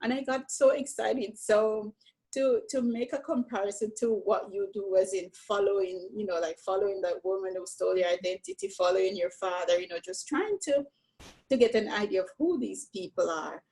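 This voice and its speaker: A woman from Jamaica, a painter telling her story in a relaxed, reflective conversation, often saying "you know". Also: mid-range voice, normal speed, husky, poor audio. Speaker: painter, interview guest.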